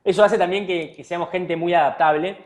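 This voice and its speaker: In an interview, a company founder from Argentina gives sincere advice in a high, steady voice at a fairly quick clip. His Argentine Spanish accent is clear, and he frequently starts his sentences over.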